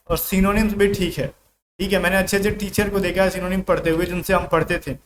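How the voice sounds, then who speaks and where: A man's voice: high-pitched, a bit bright. A man teaching English vocabulary and grammar for an exam in a casual classroom-style lecture, asking rhetorical questions and acting out everyday scenes to explain meanings. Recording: echoey room with faint background noise.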